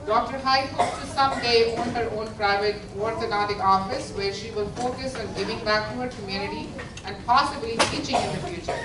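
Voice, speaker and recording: Echoey, distant woman giving a formal ceremony speech. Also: fairly high pitch. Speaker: school principal. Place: large room at a school ceremony, distant mic. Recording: echoey, noisy hall from far off.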